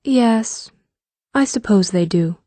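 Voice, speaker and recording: A man's voice: high voice, lively intonation, slow, warm tone, dry recording, pitched above the performer's own voice, exaggerated voice. A man voicing a blunt, determined young woman warrior in an audiobook, speaking earnestly and directly. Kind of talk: audiobook character voice.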